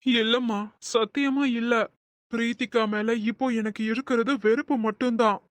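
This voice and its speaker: A woman's voice: on the high side, fairly even intonation, moderate pace, dry recording, close to an everyday voice. A woman voicing a hurt, resentful young husband in a storybook drama, talking plaintively to his mother. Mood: pleading. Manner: plaintive, sulking.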